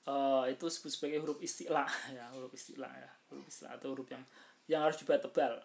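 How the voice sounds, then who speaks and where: A woman teaching Quran recitation rules, explaining slowly with many fillers and drawn-out recited examples. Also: rumbling low, steady tone, vocal fry, a little mellow. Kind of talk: informal tajwid lesson. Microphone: phone screen recording.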